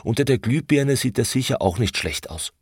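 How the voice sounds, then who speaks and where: A man voicing a touchy young apprentice from the country, pitching his voice up and speaking loudly and indignantly. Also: lively intonation, normal speed, breathy edge, no echo, studio quality. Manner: indignant, raised voice. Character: touchy young farm-boy apprentice, quick to anger.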